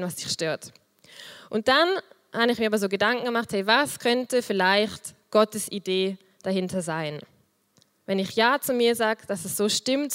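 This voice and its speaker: A woman preaches in a lively, personal way, her soft, quiet voice sitting fairly high. She speaks into a handheld microphone, and a long hall reverb trails each phrase. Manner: lively, personal, with small laughs. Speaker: youth group leader giving a talk. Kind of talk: sermon.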